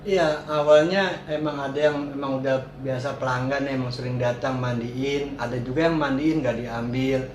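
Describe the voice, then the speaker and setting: A man's voice: medium pitch, fairly even intonation, moderate pace, hardly any pauses. A man giving casual, informal interview answers, often repeating his words and affirmations. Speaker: cat boarding and grooming business owner being interviewed. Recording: echoey room, clear background noise.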